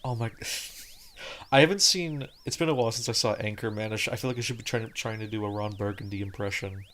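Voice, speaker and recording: A fairly low, slightly bright male voice talks fast in casual game commentary, with a little hiss or hum on the recording. Game music runs underneath as he rambles, peppers his talk with "like," and keeps restarting.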